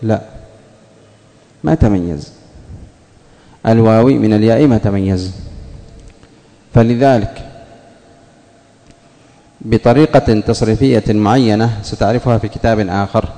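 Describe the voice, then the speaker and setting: A man teaches a grammar lesson to a class, mellow and dark in tone, going over each rule again and pressing his students with questions. His voice rings out with a long reverb, as in a large hall. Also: lowish voice, unhurried, long pauses. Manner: repeats key points and questions the students.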